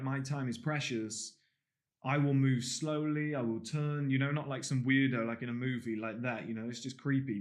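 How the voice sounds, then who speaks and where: A man teaching body language in a casual spoken lesson, blunt and swearing freely, acting out little everyday scenes. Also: medium pitch.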